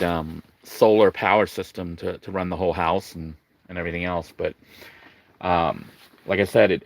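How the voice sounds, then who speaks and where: A man's voice: sits low, fairly bright tone. A man giving an informal, rambling video update as a vlogger, hesitating and filling with "you know". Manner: informal, rambling, hesitant delivery with repeated 'you know'. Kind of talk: casual video walkthrough. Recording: faint background noise and ambience.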